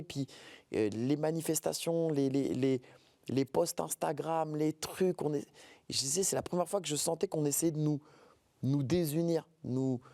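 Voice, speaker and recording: A man's voice: on the high side, vocal fry, warm tone, dry recording. A man in his forties from the Paris suburbs, speaking earnestly as an interview guest, often hesitating and repeating words. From France, Paris suburbs. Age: 40s.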